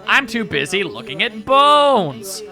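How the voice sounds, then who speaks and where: Eccentric, bone-obsessed fortune teller lady, played by a man; mystical game prophecies, theatrical, bright delivery. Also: sits high, big pitch swings, slow, vocal fry, exaggerated voice. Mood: mystical, deadpan. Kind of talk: comic read-aloud of video game dialogue.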